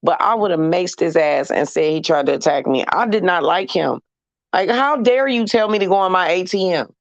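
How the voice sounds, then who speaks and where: A woman in casual live-stream storytelling, talking to her chat in a profane, animated, mocking way. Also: on the low side, moderate pace, no room sound, dull audio.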